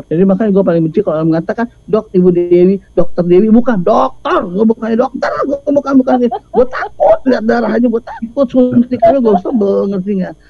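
Older woman, chatty interview guest; slangy, animated anecdotes, slightly muffled dry audio. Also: on the high side, gravelly, breathy edge, no room sound. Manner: lively storyteller, slangy, acts out quoted voices. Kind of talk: casual interview talk.

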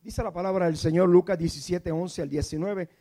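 A man in his fifties preaching with a warm, mellow tone that sits a little high for a man. He tells the story in a storyteller's manner, slipping into soft, hushed passages. He also calls on the congregation to repeat key words back to him. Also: steady tone, brisk. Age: 50s. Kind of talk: sermon.

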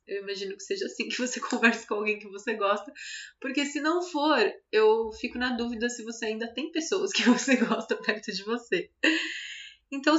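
A woman with a Brazilian Portuguese accent, speaking gently and conversationally to her listener about self-compassion, laughing lightly now and then. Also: medium pitch. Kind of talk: motivational self-talk monologue. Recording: slightly dull lo-fi sound.

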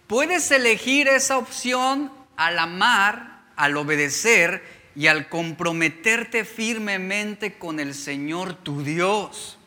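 A man's voice: sits high, pushed and bright. A male pastor preaching a sermon, asking the congregation rhetorical questions as he reads and explains scripture.

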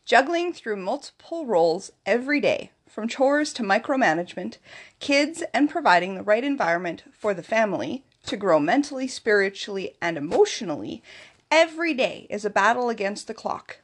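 A woman's voice: mid-range voice, sing-song, brisk. A woman presenting scripted advice in a vlog, with an upbeat, tidy delivery. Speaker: vlogger giving business tips.

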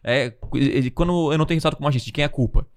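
Fast-talking Brazilian man hosting a podcast. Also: on the high side, smooth. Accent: Brazilian Portuguese. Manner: fast, animated, many restarts. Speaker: podcast host. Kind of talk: casual podcast chat.

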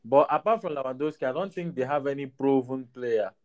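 A man's voice: mid-range voice, a little fast. Man casually talking football, checking in often. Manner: tags phrases with "right?". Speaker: football podcast panelist. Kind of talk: casual sports discussion.

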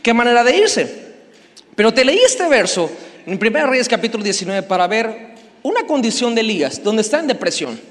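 A man's voice: extremely high pitch, very animated, brisk. A male pastor, preaching a sermon and telling the story in slangy, humorous terms. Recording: long hall reverb.

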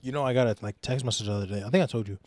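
A young man co-hosting a podcast, teasing his friend with quick banter full of "like" and "bro". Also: medium pitch, a little mellow, no room sound. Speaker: podcast co-host. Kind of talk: casual chat.

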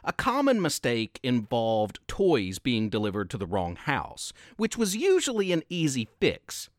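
A man reading a Christmas story aloud as narrator, in an expressive, sing-song way. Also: medium pitch, unhurried, dry recording, clean studio sound.

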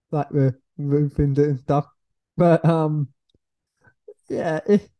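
A young woman guest on a podcast, speaking in a halting way and searching for words with pauses and "uh". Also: deep voice. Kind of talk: casual conversation. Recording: dull lo-fi recording.

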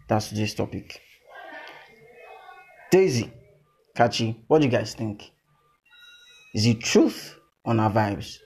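A Nigerian-accented man hosting a podcast, chatting informally and playfully with animated teasing and Pidgin slang. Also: on the low side, gravelly. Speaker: podcast host.

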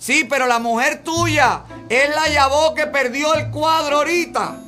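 A man's voice: extremely high pitch, unhurried, bright, forceful tone, soft background music. A man hosting a live call-in game show, teasing and joking with callers. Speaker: host.

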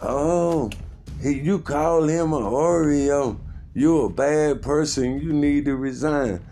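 A man's voice: on the high side, slow pace, warm tone, soft background music, voice pushed up. A man putting on a whiny, sing-song voice to mock scolding male political critics.

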